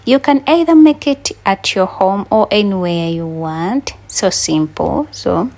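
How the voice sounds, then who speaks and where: A woman's voice: medium pitch, expressive, measured pace, warm tone. A woman from Uganda with a Ugandan accent, chatting to her viewers as she cooks breakfast in a casual vlog. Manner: chatty, talks to viewers while cooking. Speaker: cooking vlogger.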